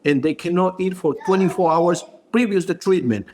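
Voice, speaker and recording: Brief: man, a co-founder, halting and searching for words, slightly high voice. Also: crowd noise. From Ecuador. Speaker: brand co-founder and hairstylist. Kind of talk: podcast interview.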